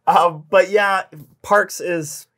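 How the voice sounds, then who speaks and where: A woman co-hosting a relaxed board game chat, animated and quick to laugh. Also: fairly low pitch. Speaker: board game channel co-host. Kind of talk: casual chat.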